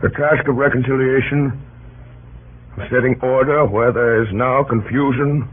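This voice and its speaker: An actor playing Abraham Lincoln as a solemn, earnest statesman, speaking in measured, deliberate oratory in an old radio drama. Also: mid-range voice, steady tone, slightly rough, lightly acted. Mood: solemn, hopeful. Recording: old tinny, narrow-band radio recording.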